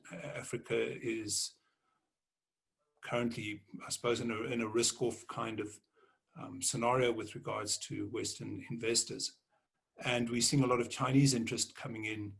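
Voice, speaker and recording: A man answering on a panel, halting and often repeating words as he thinks. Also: medium pitch, gravelly, slightly rough. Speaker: panelist, mining executive.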